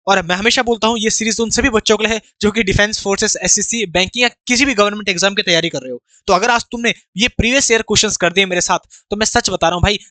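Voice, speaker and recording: A man teaching an exam-prep grammar lesson with an Indian accent, energetic and chatty, calling students "bhai". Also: high-pitched, no room sound.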